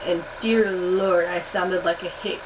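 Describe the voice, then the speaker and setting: In a laid-back accent challenge video, a young vlogger speaks bluntly and curses occasionally, her fairly low voice steady and unhurried. It's a distant, muffled home recording with a heater humming in the background.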